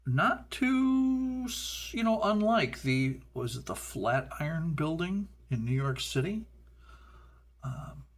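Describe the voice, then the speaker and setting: Middle-aged guy from chicago, slow husky voice, rambling chat while building, stumbles on words. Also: a little high, big pitch swings. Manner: rambling, stumbles over words, folksy asides. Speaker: host. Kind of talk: casual build commentary.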